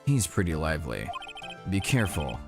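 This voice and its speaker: Man voicing a brooding prosecutor, deep and soft. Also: sing-song, gravelly, over music, full character voice. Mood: smug. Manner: slow, smug, low drawl.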